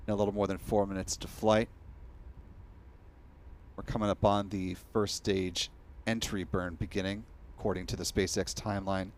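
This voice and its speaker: A man giving measured live commentary on a broadcast. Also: sits low, level tone, a little hiss or hum.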